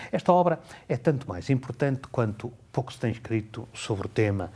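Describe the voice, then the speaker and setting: A man giving a measured spoken book review, slowing down to read passages aloud. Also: on the low side, a little mellow. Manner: measured, reads excerpts slowly and deliberately.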